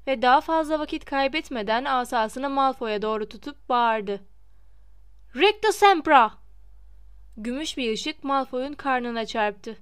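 A woman's voice: high-pitched, moderate pace, few pauses, fairly bright tone, clean tone, no echo. A woman narrating a novel as an audiobook, reading expressively at a close microphone.

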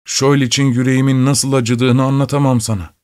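A man's voice: mid-range voice, flat delivery, normal speed, a little mellow, no room sound, studio quality, voice pushed up, natural voice. A man voicing a timid, worn-out father in a storybook reading, speaking in short, curt lines.

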